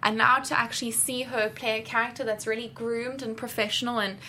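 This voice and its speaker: A woman's voice: on the high side, level tone, brisk, sharp tone, a little hiss or hum. A woman on a TV talk panel giving candid, hedged opinions in casual chat.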